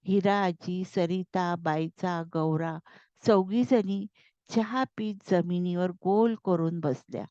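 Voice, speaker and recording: A woman storyteller narrating a scripted story in a measured, deliberate reading, on a dull, dry recording. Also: on the low side, mellow, no echo.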